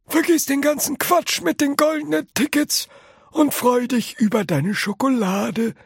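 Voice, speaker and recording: A man voicing an old grandfather in a storybook, pushing his grandson along in a high, quavery voice. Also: fairly even intonation, a little slow, vocal fry, slightly rough, dry recording, clean studio sound, heavily acted. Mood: urging.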